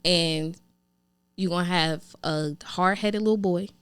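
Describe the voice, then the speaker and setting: Low, crisp-voiced woman co-host. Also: measured pace, dry recording. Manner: earnest, heartfelt, many "like" fillers. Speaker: podcast co-host. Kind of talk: casual chat.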